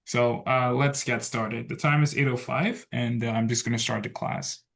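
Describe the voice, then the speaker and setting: Gravelly tutor with relaxed filler-heavy talk. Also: male voice, mid-range voice, moderate pace. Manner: relaxed, filler-heavy, says "so" and "okay" a lot. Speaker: English tutor. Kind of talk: online tutoring class.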